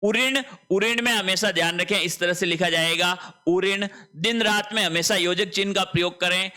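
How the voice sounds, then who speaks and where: Bright-voiced man teaching Hindi spelling. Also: high voice, steady tone, normal speed. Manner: repeats each word, asks and answers his own questions. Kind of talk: online spelling lesson.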